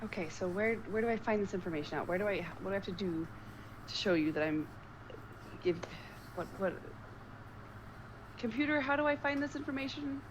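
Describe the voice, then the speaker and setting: A woman's voice: medium pitch, expressive, brisk, pauses often, noisy background. A woman chatting casually as a player in a tabletop game, hesitant and repeating her words.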